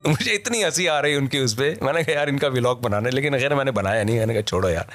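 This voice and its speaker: This Pakistani vlogger speaks at a medium pitch and a slightly quick pace. In a relaxed discussion, he spins lively, forceful stories punctuated by frequent laughter.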